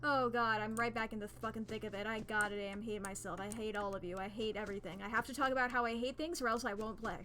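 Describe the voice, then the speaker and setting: A woman's voice: medium pitch, fairly even intonation, quick pace, hardly any pauses, sharp tone, slight background noise. A woman doing live commentary on a horror game as a streamer, complaining and swearing freely as she plays. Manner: profane, complaining, ranting.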